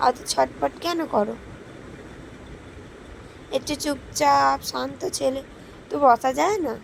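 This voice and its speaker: Hoarse high-voiced mom with a cough, slow sing-song baby talk, playful scolding. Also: female voice, slight background noise. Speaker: mother talking to her baby son.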